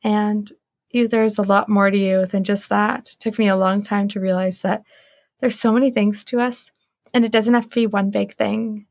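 A woman's voice: medium pitch, steady tone, normal speed, creaky, darkish tone, no echo, clean studio sound. A young woman hosting a podcast, talking casually and earnestly in an encouraging way, with a lot of "like". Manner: earnest, encouraging, uses 'like' often. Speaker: podcast host. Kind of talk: casual solo podcast talk.

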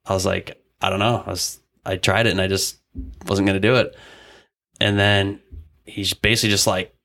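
Bright-toned, rambling coach telling a story. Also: male voice, deep voice, little pitch movement, normal speed. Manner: rambling, full of "like" and restarts. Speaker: wrestling coach, podcast guest. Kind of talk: casual storytelling in an interview.

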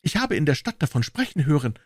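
A man's voice: fairly high pitch, sing-song, fast talker, dry recording, clean studio sound, voice pushed up. A man voicing a frantic, bewildered young clerk who keeps exclaiming in a raised voice. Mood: agitated. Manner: agitated, exclaiming.

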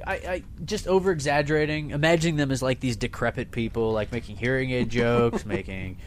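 A man co-hosting a casual podcast chat, giving critical opinions in halting sentences full of restarts. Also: mid-range voice, a little hiss or hum. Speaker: podcast co-host reviewing a movie episode.

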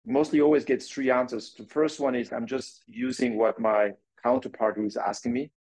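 Speaking with a French-Swiss accent, a founder from Switzerland walks a podcast audience through his company point by point in non-native phrasing. His voice is mid-range, steady, a little mellow, and at normal speed, though the audio is poor.

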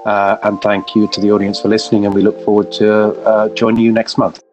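A man's voice: fairly low pitch, flat delivery, fairly quick, over music, poor audio. A man hosting a professional podcast, politely thanking his guests as he closes the show. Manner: polite, appreciative, hesitant fillers. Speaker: podcast host. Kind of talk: wrapping up a podcast.

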